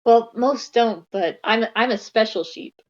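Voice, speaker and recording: A woman's voice: fairly high pitch, unhurried, darkish tone. A woman playing in a tabletop game, chatty and playful. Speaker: player. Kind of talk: casual tabletop play. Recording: slightly dull mic.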